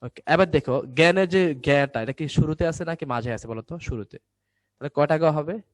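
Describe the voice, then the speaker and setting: A man's voice: on the high side, a little fast, dry recording. A young man teaching Bangla online, with a dry sound. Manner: quizzing students, answering his own questions. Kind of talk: online class lesson. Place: indoors, recorded for an online class.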